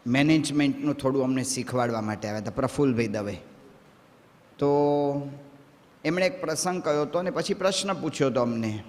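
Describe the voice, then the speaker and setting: A male monk giving a sermon in speech, telling stories slowly and putting questions to his listeners. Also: mid-range voice. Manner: slow, story-telling delivery with rising questions to the audience. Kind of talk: sermon with storytelling. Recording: long hall reverb.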